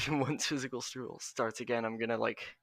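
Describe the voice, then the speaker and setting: A man's voice: medium pitch, fairly even intonation, normal speed, creaky, fairly bright tone, no room sound. A teenage boy chatting as a podcast guest, hesitant and full of fillers. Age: teens. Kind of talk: casual podcast chat.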